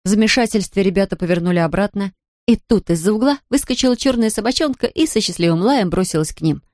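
A woman's voice: medium pitch, quick pace, no echo, studio quality. Woman narrating a children's audiobook. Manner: calm, even storytelling.

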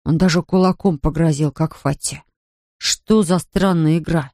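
A woman's voice: low-pitched, steady tone, mellow, no room sound, clean studio sound. A woman voicing a puzzled, hesitant boy in a storybook reading. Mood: unsure. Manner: uncertain, slow.

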